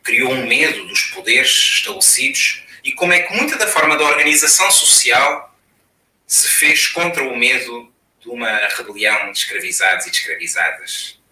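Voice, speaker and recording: A man with a European Portuguese accent lectures at a measured pace, building each point through repeated phrases. His voice is very bright and forceful. It sounds roomy and echoey, picked up from some distance away from the mic. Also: medium pitch, big pitch swings. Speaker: conference panelist. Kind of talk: academic lecture. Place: room, online conference talk. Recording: echoey room, speaker far from mic.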